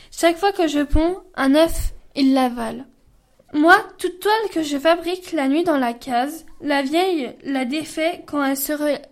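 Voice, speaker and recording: A woman, a student reader, reading a folk tale aloud with an expressive voice. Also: high voice.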